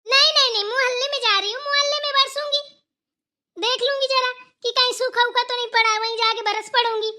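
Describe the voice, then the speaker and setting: A woman voicing a sharp-tongued, sarcastic young daughter-in-law in a cartoon. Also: very high-pitched, little pitch movement, fast talker, hardly any pauses. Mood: indignant. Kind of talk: cartoon voice acting.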